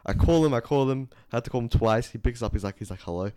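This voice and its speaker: A young man co-hosting a podcast, telling loose, excitable stories with plenty of swearing. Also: mid-range voice, fast talker, no echo, studio quality. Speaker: podcast co-host. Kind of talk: casual chat.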